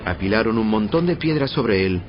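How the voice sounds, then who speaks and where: A man narrating a dramatized audio Bible in a measured storytelling delivery. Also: fairly low pitch, animated. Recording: muffled band-limited audio. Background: prominent background music.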